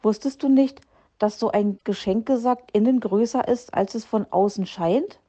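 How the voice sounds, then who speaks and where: A woman's voice: a little high, normal speed, dark tone, close to an everyday voice. A woman voicing an eager, clever little tomcat child who meows between words.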